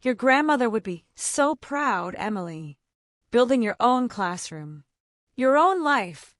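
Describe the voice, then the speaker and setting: A gentle, loving old grandfather, read by a woman, speaking softly and tenderly. The voice sits high and swings widely in pitch. It is recorded dry and close, with no room sound. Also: very animated, slow, dry recording.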